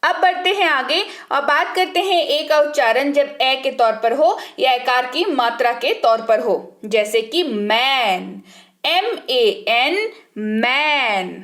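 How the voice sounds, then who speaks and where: Slow-spelling high-voiced woman teacher. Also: expressive, a bit bright. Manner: spells letters slowly and asks rhetorical checks. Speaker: English teacher.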